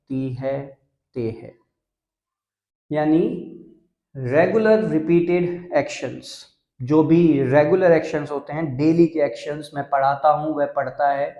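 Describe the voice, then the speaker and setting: A young man with an Indian accent teaching English grammar in a lesson video. His voice is mellow and a little high, and he speaks slowly and draws out the English terms. The room sounds echoey. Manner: explains step by step, mixing English terms into Hindi. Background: dogs barking.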